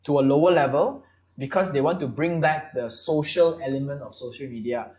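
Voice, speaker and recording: A man's voice: fairly high pitch, a little fast, a little mellow. A man from Malaysia hosting a casual panel chat, explaining at length with many fillers. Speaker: podcast host.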